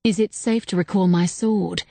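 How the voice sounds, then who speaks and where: A woman's voice: medium pitch, fairly even intonation, normal speed, creaky, mellow, no echo. A woman voicing a blunt, wry young heroine in an audiobook reading. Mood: plain. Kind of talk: audiobook character voice.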